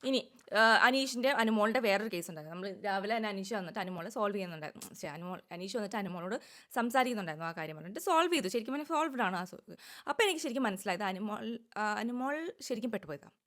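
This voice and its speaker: A woman giving casual, opinionated commentary on a reality show, talking quickly and at length. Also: medium pitch, expressive, fairly bright tone. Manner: opinionated, rapid and talkative.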